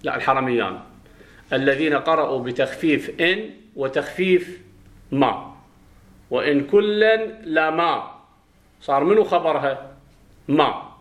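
A man with an Iraqi Arabic accent teaching a grammar class, explaining step by step, questioning his students and slowly chanting verses. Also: mid-range voice, a bit bright. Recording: roomy classroom echo.

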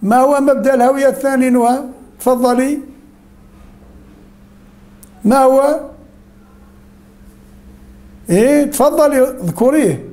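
Leading an interactive class, a male teacher with an extremely high, darkish-toned voice rapidly questions his students. He praises good answers, corrects wrong ones, and slowly repeats what matters most.

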